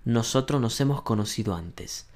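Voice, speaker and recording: A man teaching an online language class at a middle pitch. He explains step by step, repeating short examples and checking with "right?" after each one. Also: expressive, moderate pace, gravelly. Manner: explains patiently with many examples and tag questions; greets brightly in English, then explains in Spanish. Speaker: English teacher.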